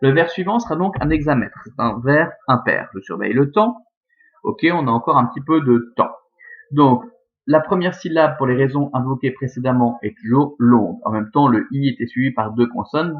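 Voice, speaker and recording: A man's voice: mid-range voice, animated, normal speed. A male teacher giving a recorded lesson on scanning Latin verse, working methodically step by step and often adding "hein" and "euh". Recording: dull, lo-fi sound.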